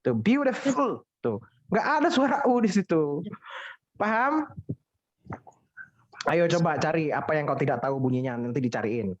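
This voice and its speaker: A woman teaching English pronunciation to a class, lively and teasing, drilling words over and over. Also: sits low, normal speed, long pauses. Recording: dull lo-fi sound.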